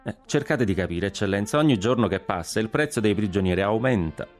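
A man's voice: lowish voice, expressive, fairly quick, faint music behind, lightly acted. A man voicing a shrewd male commoner haggling with a governor, wheedling and stubborn.

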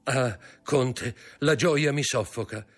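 A man voicing a grave, nervous older male impostor in an audiobook, with a husky voice. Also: lowish voice, lively intonation, normal speed, voice pushed up. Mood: formal. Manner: grave, stiff, formal.

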